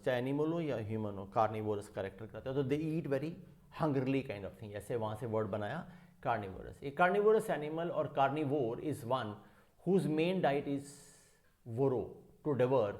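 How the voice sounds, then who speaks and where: A man with an Indian English accent gives an unhurried vocabulary lesson, taking his time as he walks through word roots. His pitch sits in a middle range, and he reads the English slowly, then explains it quickly in Hindi. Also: darkish tone.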